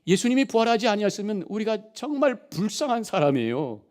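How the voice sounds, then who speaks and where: A middle-aged male pastor preaching a sermon, impassioned, rising loud on key phrases and dropping soft in between. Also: high-pitched, very animated, fairly quick.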